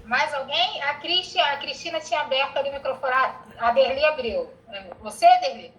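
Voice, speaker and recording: A woman with a high, bright voice moderates a relaxed online group chat. She is chatty and laughs as she talks. She calls on the next person to speak. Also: fairly quick, rough recording. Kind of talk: casual online group talk.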